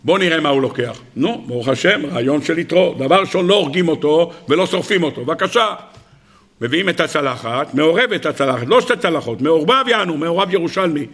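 A man giving a lively Torah sermon in style, an animated storyteller who asks rhetorical questions and acts out the characters. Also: fairly high pitch. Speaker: rabbi giving a Torah lesson.

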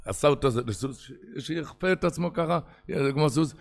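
A man giving a religious lecture, telling parables and acting out their characters, moving between hushed and loud. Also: on the high side, creaky. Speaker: rabbi.

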